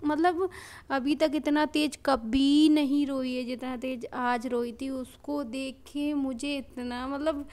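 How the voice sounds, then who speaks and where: A woman's voice: high-pitched, fairly even intonation, slow, darkish tone. A young woman vlogging casually at home as a mother, chatty and repeating words for emphasis, sometimes slipping into sing-song baby talk to her daughters. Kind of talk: casual home vlog chat. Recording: noisy home recording.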